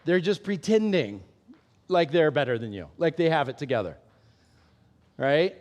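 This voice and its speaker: A man with a notably high speaking voice preaches in a loose, conversational way. He is candid and self-deprecating, laughing often and checking in with his listeners through quick questions. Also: big pitch swings, a little mellow. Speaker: pastor. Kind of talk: conversational sermon.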